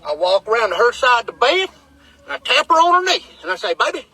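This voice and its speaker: Man with a bright, lively voice; comic storyteller, deadpan and incredulous. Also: very high voice, fast talker, a little hiss or hum, low-quality recording. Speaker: comedic storyteller. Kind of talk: comedic storytelling vlog. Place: inside a parked truck. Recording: dry, close sound in a small cab.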